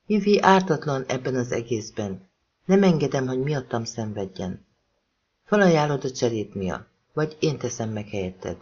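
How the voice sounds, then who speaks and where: A woman's voice: a bass voice, animated, a little mellow, breathy edge, exaggerated voice. A man reading a determined, lonely woman with a firm, insistent manner, in a slightly dull audiobook recording. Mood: resolute. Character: determined, lonely woman ready to sacrifice herself.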